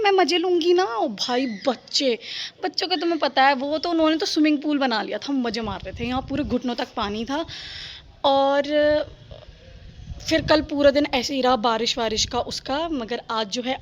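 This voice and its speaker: A woman's voice: sits high, dull audio, a little hiss or hum. A young woman vlogging into her phone camera on a rooftop, chatty and rambling, often giggling. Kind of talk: casual chat to camera. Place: rooftop outdoors.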